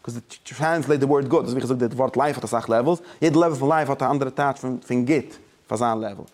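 Man, religious study lesson, emphatic explaining, halting restarts, mixes in English words, mid pitch. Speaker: teacher.

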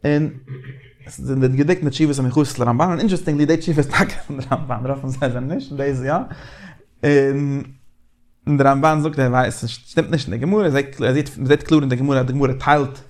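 A man leading a casual Talmudic study discussion, animated and repeating phrases as he thinks aloud. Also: mid-range voice, fairly quick.

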